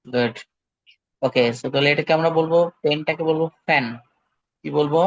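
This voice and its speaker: A man's voice: a little high, steady tone, fairly quick, no echo. A male English teacher, leading an online pronunciation drill and patiently repeating words for students. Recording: dull lo-fi online call audio.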